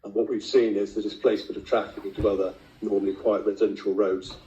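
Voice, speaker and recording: A man with a hoarse, raspy, failing voice, speaking bluntly as a councillor at a formal meeting. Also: lowish voice, flat delivery, fast, mellow. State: losing his voice. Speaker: county councillor. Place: indoor council meeting room. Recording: echoey meeting room, muffled lo-fi sound.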